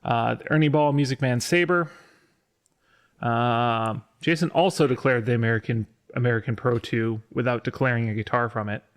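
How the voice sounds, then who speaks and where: A man's voice: medium pitch, fairly even intonation, normal speed, smooth. Male co-host, casual and teasing, leads the banter. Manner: teasing, runs the list. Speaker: podcast co-host. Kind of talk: casual gear chat.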